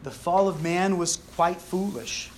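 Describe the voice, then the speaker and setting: A man with a slightly higher voice preaches a sermon, earnest and emphatic as he tells the story. A faint hum of room noise sits behind him. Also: unhurried.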